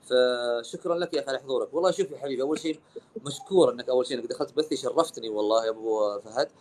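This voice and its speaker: A man's voice: medium pitch, a little hiss or hum. A young man with a Saudi accent hosting a casual live stream, mixing Arabic and English. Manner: fast, animated, mixes Arabic and English.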